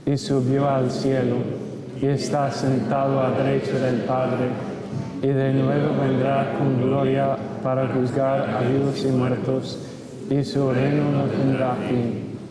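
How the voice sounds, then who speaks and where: In a large church, a priest leading Mass intones the creed and prayers steadily and deliberately while the congregation responds. His mid-range voice rises over the noisy crowd, trailing a long cathedral reverb through the echoey hall.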